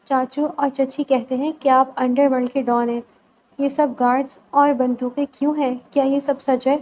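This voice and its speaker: A guarded young wife who speaks bluntly and asks pointed questions in a storybook romance, voiced by a woman narrator. Her voice sits high and clear. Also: little pitch movement, darkish tone, a little hiss or hum, close to an everyday voice. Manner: guarded, direct. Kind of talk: novel read aloud.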